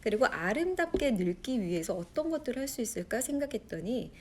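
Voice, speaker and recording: A woman's voice: a little high, big pitch swings, brisk, a little mellow, slight background noise. Korean woman author telling a story. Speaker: author guest. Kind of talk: interview answers, storytelling.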